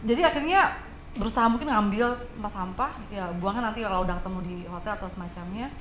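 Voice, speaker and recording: A woman's voice: medium pitch, fast. A woman guest speaker with an Indonesian accent, chatting casually and acting out the people in her stories. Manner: animated storytelling, acts out quoted people. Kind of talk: casual talk show chat. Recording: echoey room, faint background noise.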